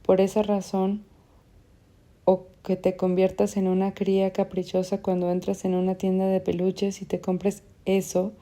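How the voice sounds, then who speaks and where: A woman's voice: medium pitch, monotone, unhurried, dark tone, close to an everyday voice. A woman voicing a blunt, frustrated young man. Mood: accusing. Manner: insistent, questioning.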